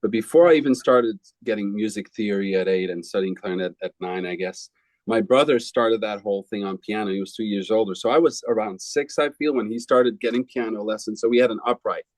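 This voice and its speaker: Low-voiced man from Belgium, rambling. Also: a little fast, no room sound, rough recording. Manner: relaxed, rambling, frequent restarts. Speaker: film composer. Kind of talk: casual interview answers.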